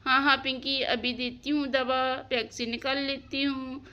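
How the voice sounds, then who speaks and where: A woman voicing a gentle young woman doctor in a doll story, reassuring and soft-spoken. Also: high voice, little pitch movement, a little slow, lo-fi sound.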